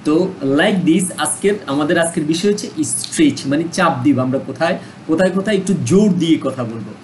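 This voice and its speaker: A man's voice: a little high, animated, fast talker, a little hiss or hum, poor audio. A man with a Bangladeshi accent teaching an English lesson, mixing two languages and repeating words for students to practice. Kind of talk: online lesson explanation.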